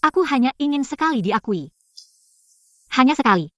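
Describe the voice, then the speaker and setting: A woman's voice: high-pitched, sing-song, normal speed, a bit bright, no room sound, studio quality. A tearful young village woman. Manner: tearful, emotional pleading. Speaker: lead actress. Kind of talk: dubbed short drama.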